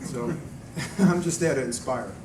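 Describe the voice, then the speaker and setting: Picked up by a distant mic in an echoey live-event room with background noise, a medium-pitched man speaks at normal speed. He's a video maker giving an informal talk and taking audience questions, rambling conversationally and often interrupting himself.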